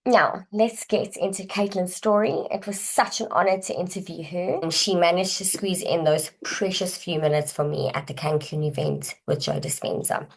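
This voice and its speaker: A woman's voice: lowish voice, normal speed, few pauses, slightly rough, low-quality recording. A woman host giving an earnest, inspirational scripted narration.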